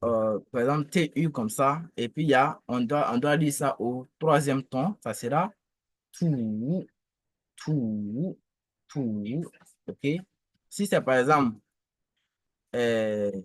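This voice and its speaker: A male teacher walks through tones one syllable at a time. He speaks slowly and patiently, with a repeated, drilling manner. His voice sits in a dry, close space with no reverb. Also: medium pitch. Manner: patient, repeats each syllable several times. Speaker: language teacher.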